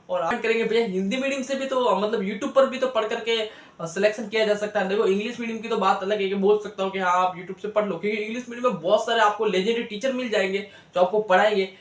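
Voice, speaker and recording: A man's voice: sits high, fast, fairly bright tone. A young man, a biology educator, giving casual, earnest coaching advice to students, repeating points and talking straight to them. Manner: chatty and earnest, repeats himself, direct address. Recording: echoey room.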